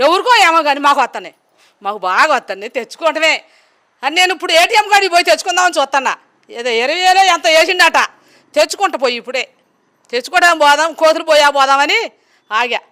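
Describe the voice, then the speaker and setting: High-voiced defiant woman in a street interview. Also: lively intonation, fast talker, bright, forceful tone. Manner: defiant, sarcastic, argumentative. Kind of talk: street vox-pop interview.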